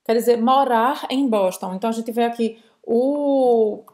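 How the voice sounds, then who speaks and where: A woman with a Brazilian accent co-hosting a conversational French lesson, explaining grammar and slowly demonstrating pronunciation. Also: on the high side, a little mellow. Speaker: French teacher, co-host.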